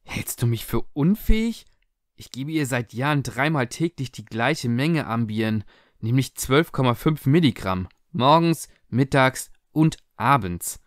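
A man's voice: medium pitch, animated, measured pace, no echo, clean studio sound, close to an everyday voice. A man voicing a middle-aged mother who speaks in a soothing, justifying way, in a spoken storybook reading. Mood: defensive. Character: defensive middle-aged mother, calm but guarded.

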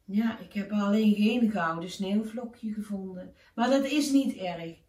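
A woman's voice: medium pitch, a little slow, darkish tone, close to an everyday voice. A woman voicing a sweet, hopeful little snowman boy in a storybook tale, in an eager, childlike way. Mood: cheerful. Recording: roomy, distant from the mic.

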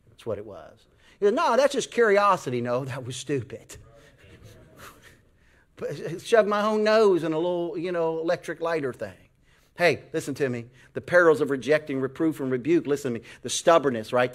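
A middle-aged American man preaching a folksy, animated sermon as a pastor, acting out voices in his stories. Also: mid-range voice. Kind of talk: sermon with storytelling.

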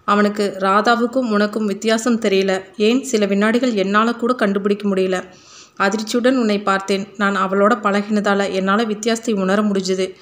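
An earnest, troubled father pleads in quick, long runs of speech, voiced by a woman narrator. His pitch stays flat, in an audiobook reading. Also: lightly acted.

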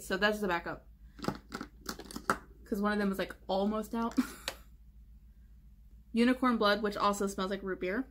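A young woman vlogging casually about her makeup collection, chatty, with many "like" fillers and soft whispered asides. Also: medium pitch, background noise. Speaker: beauty vlogger.

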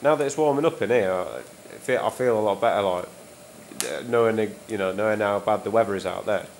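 A man in a stone bothy talking in a relaxed, rambling way with fillers. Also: fairly low pitch, fairly quick, gravelly, a little hiss or hum. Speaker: hiker. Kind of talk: casual chat. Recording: echoey stone room.

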